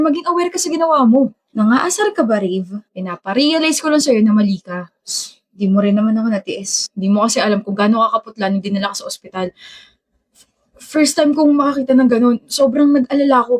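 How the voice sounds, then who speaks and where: A bantering sweetheart, quick to tease and bicker, as a woman plays the part. Her voice sits a little high. The lines come as scripted skit dialogue. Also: natural voice. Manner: teasing, bickering back-and-forth. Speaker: skit actor.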